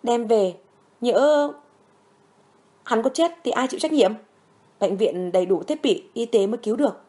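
A woman's voice: medium pitch, steady tone, fast talker, creaky, close to an everyday voice. A woman voicing a young man, a protective and stern older brother who speaks sharply and with worry. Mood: worried. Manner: sharp, worried.

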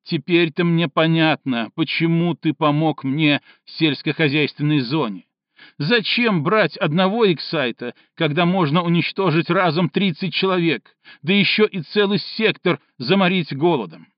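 A man voicing a shrill hysterical young woman. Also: moderate pace, no room sound, highs cut off, natural voice. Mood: accusing. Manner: shrill, sobbing, shouting.

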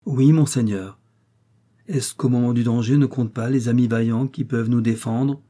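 A man reading the part of a young noblewoman in a historical romance audiobook, lifting his voice and speaking softly and pleadingly. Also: mid-range voice, steady tone, moderate pace, natural voice. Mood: tender. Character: young noblewoman, tender and trembling.

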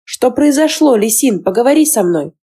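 Woman voicing a worried teen girl, urgent, pleading, higher voice, mellow tone, storybook. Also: lively intonation, moderate pace, husky. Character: insistent worried teenage girl student.

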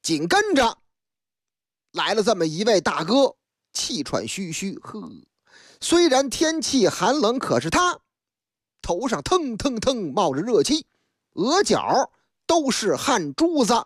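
Brief: animated female storyteller, high-set voice, dry close studio sound. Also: unhurried, no room sound. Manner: rhythmic, animated, with sound effects. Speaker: radio storyteller. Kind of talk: comic folk storytelling. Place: radio studio.

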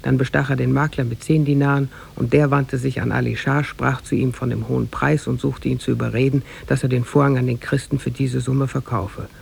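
A man tells a scripted story for German radio of the 1950s, formal and measured throughout. His husky, gravelly voice sits at medium pitch with a level, slightly mellow tone, and a little hiss or hum can be heard.

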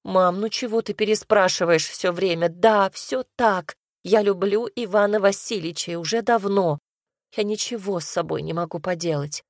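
A woman's voice: medium pitch, moderate pace, dry recording, natural voice. A woman voicing a distraught young woman who sobs and pleads, in a dry, close reading. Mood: tearful. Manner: sobbing, pleading, snapping.

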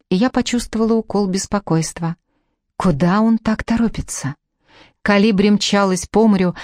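A woman narrating a fantasy novel in the first person, in a measured storytelling manner. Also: lowish voice, darkish tone, no room sound, studio quality. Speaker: audiobook narrator.

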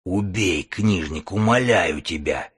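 A man's voice: low-pitched, takes it slowly, fairly bright tone, breathy edge, full character voice. A man voicing a weak, hate-filled priestess woman. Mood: hateful. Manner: weak, hateful, pleading.

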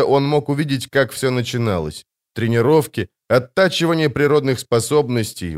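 In scripted narration, a man with a mid-range voice reads an audiobook, telling the story in a measured, even way.

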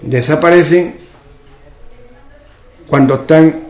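A man from Ubrique in southern Spain with a western Andalusian accent, explaining local speech in an interview and often pausing to search for examples. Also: on the high side, darkish tone. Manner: slow and explanatory, often pauses with "¿qué digo yo?". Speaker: author and local dialect expert.

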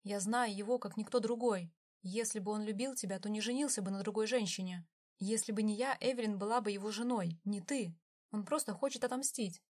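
A woman's voice: medium pitch, a little fast, darkish tone, natural voice. A woman voicing a hot-tempered young man who speaks harshly and gives commands. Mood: firm.

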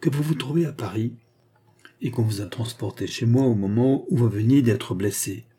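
A soft-spoken, mysterious young woman tending a wounded man, as a male narrator puts her on, low and husky in tone. She speaks tenderly and discreetly, keeping her secrets in a dark, mellow voice. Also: moderate pace, close to an everyday voice. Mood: gentle.

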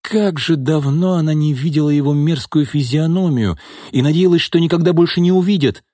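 A man narrating an audiobook in a measured, even reading voice. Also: a little high, no echo, studio quality. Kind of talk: scripted narration.

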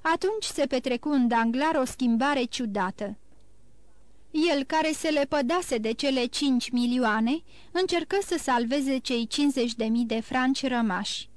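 Woman, audiobook narration, measured, high voice, dry sound. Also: no room sound. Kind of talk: scripted narration.

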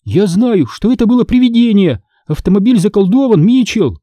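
A man's voice: high-pitched, sing-song, moderate pace, mellow, no room sound, clean studio sound, voice pushed up. A man voicing a frightened young boy who speaks urgently in a trembling voice, in a storybook reading. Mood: pleading.

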